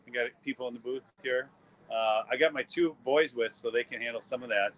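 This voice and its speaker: A man's voice: medium pitch, fairly quick, a bit bright, low-quality recording. A middle-aged man with a Minnesota accent, hosting a casual live stream from an outdoor art fair booth and chatting with visitors about his photography. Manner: chatty, rambling, friendly sales talk. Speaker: photographer and YouTube host.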